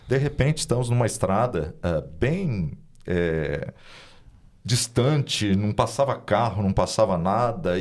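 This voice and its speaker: A man's voice: on the low side, a little mellow. A male pastor, a guest in an interview, telling a testimony in an earnest, narrative way with frequent tag questions. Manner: earnest, narrative, with many "né?" tags.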